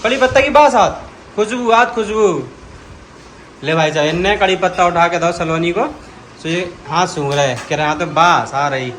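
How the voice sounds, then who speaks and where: A man's voice: high voice, normal speed, a bit bright, a little hiss or hum. A young man with a Bundeli accent, vlogging casually at home and teasing the children playfully. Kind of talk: casual family vlog narration.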